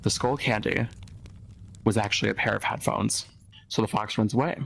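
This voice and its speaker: A man's voice: on the low side, steady tone, moderate pace, vocal fry, fairly bright tone, a little hiss or hum, rough recording. A man hosting a comedy show, telling a silly story in a goofy, mock-dramatic way. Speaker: host. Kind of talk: joking storytelling.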